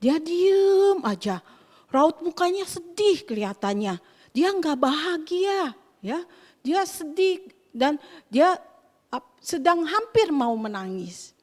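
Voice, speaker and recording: A woman teaching Sunday school, telling children a story in an animated way and asking them questions. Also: extremely high pitch, slow pace, long reverb tail.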